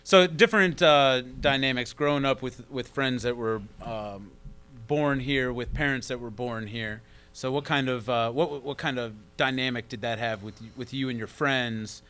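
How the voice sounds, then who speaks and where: Male host-interviewer, mid-pitched, casual and jokey, loose phrasing. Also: normal speed, hardly any pauses, fairly bright tone, smooth. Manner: joking, teasing questions with many restarts.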